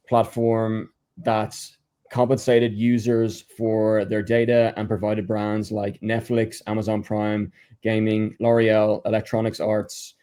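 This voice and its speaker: A man with a lowish, mellow voice hosts a podcast interview. He reads out a guest introduction hesitantly, with many fillers and restarts.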